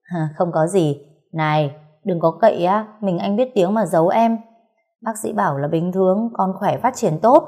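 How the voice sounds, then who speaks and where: A woman's voice: on the low side, normal speed, dark tone. Woman reading a doting, joking young husband. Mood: reassuring.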